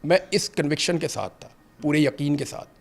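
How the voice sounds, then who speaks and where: A man's voice: fairly high pitch, lively intonation, gravelly. A middle-aged man telling his own story to an interviewer, earnest and vivid, his intensity rising and falling. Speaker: interview guest. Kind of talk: personal account in conversation.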